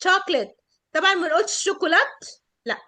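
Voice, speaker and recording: Brief: middle-aged woman, Egyptian Arabic accent, high voice, patient pronunciation teacher who slows down on example words. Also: expressive, fairly bright tone, dry recording. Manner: drawn-out model words. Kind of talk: online pronunciation lesson.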